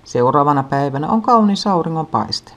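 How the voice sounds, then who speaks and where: A woman with a notably low voice reads a children's story. Her delivery is calm and even, paced for young listeners.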